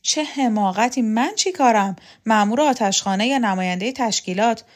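Brief: cool, mocking woman figure, a little higher, quick retorts, read by a woman narrator. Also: natural voice. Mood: dismissive. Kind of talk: audiobook character voice.

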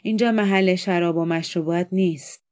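A woman's voice: on the low side, steady tone, darkish tone, close to an everyday voice. A woman voicing a pompous bespectacled bank director who protests in a formal, offended way, in an audiobook reading. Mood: indignant.

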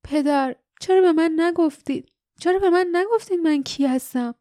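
A woman's voice: very high voice, mellow, no room sound, clean studio sound, voice pushed up. A woman voicing an earnest young male hero in an audiobook, with a raised, pleading voice.

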